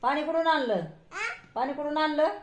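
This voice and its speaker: A woman's voice: high voice, normal speed. A woman scolding a small child in a teasing way at home, repeating herself. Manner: teasing, playfully scolding, repetitive. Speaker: video creator. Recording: echoey room.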